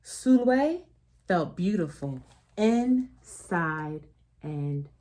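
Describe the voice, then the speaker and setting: With fairly low pitch, a woman tells the story of a children's picture book, reading expressively and deliberately. She stresses her phrasing, adds quiet asides to the audience, and a faint hiss or hum is present.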